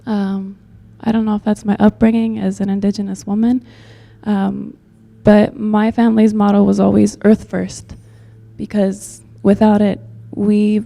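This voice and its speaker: A woman's voice: medium pitch, little pitch movement, unhurried, creaky, mellow. A woman from Texas giving an earnest, rambling public comment at a community meeting, with many fillers. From Texas, USA.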